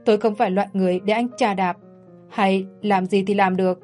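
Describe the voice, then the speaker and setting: A woman's voice: mid-range voice, fairly even intonation, a little fast, a little mellow, soft background music, close to an everyday voice. A woman voicing a timid young maid from the countryside, polite and pleading. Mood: frightened.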